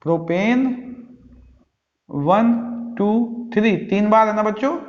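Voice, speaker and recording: High-voiced male chemistry teacher, echoey. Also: slow pace. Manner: asks the class questions and answers them himself; calls the students children, patient drilling. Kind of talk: classroom lecture. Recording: echoey, dull lo-fi recording.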